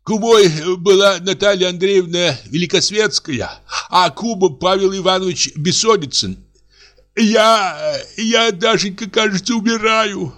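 A man's voice: high-pitched, measured pace, fairly bright tone, voice pushed up. A man voicing a frightened widower who whimpers tearfully, sure he is dying. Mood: whimpering.

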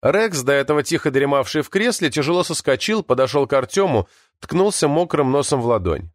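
A man's voice: a little high, very animated, brisk, no room sound, clean studio sound. A man reading an audiobook in a storytelling manner. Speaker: audiobook narrator. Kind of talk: scripted narration.

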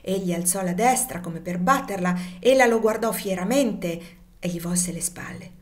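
Woman audiobook narrator, measured and expressive, steady mid pitch. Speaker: audiobook reader. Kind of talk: scripted literary narration.

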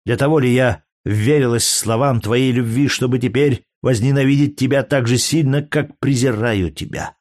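A man's voice: medium pitch, normal speed, hardly any pauses, a little mellow, no room sound, studio quality, natural voice. A man reading aloud and voicing a jealous, scornful young Greek courtesan with a biting, mocking manner.

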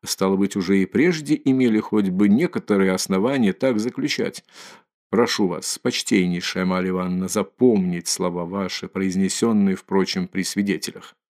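A man reading an audiobook and voicing a smug, cold, pedantic official who speaks quietly and insinuatingly. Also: deep voice, normal speed, voice pushed down, close to an everyday voice. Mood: cold insinuation. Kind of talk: audiobook character voice.

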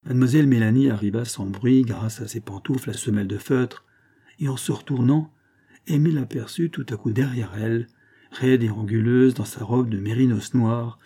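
A man narrating a literary audiobook in a measured, steady reading. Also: mid-range voice, breathy edge.

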